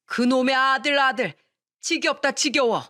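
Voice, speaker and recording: A woman's voice: medium pitch, normal speed, fairly bright tone, lightly acted. A woman voicing an angry older man who scolds his wife, raised and exasperated in a radio-style story. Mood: scolding. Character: angry older man, gruff father-in-law.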